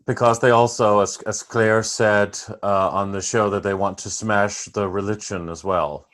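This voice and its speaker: A man's voice: on the low side, steady tone, unhurried, a bit bright. A male host asking long, winding interview questions, restarting often.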